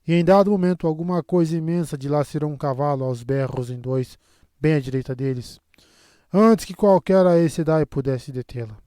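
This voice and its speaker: A man with a Brazilian Portuguese accent reading an audiobook in a steady, measured way. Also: fairly high pitch, no echo, clean studio sound. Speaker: audiobook narrator. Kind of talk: audiobook narration.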